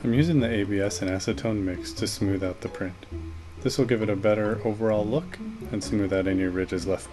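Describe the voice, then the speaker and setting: A man's voice: fairly low pitch, fairly even intonation, fairly quick, over music. A man giving a casual, matter-of-fact voice-over for a how-to video, explaining each step plainly. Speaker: maker narrating a how-to video. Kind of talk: casual scripted tutorial voice-over.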